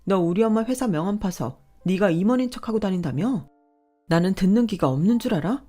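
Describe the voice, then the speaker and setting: A woman's voice: medium pitch, lively intonation, normal speed, faint music behind, natural voice. Woman playing a furious, scolding young wife. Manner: sharp, scolding, shouting.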